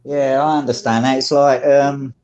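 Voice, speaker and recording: A man's voice: medium pitch, level tone, moderate pace, darkish tone. A man with a London accent, chatting casually over a phone and rambling with lots of fillers. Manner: rambling, many fillers like "it's like". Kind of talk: casual chat.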